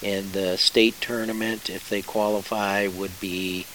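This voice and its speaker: A man's voice: on the low side, level tone, unhurried, fairly bright tone, poor audio. A keen, talkative man talks up the school's sports program in a casual interview. A faint hiss sits under the recording. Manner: enthusiastic, talkative.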